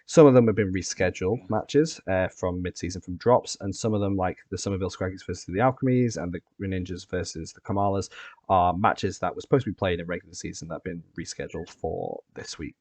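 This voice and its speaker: Male host, lowish voice, close dry sound, casual recap and predictions talk. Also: fast, darkish tone, dry recording. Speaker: podcast host and competitive player.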